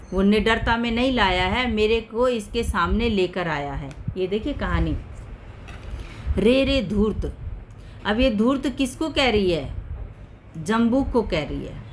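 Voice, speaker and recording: A woman's voice: mid-range voice, fairly bright tone, slight background noise. Woman teacher explaining word by word. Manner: explains word by word, repeats terms, asks and answers herself. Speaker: Sanskrit teacher. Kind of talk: classroom explanation of a text.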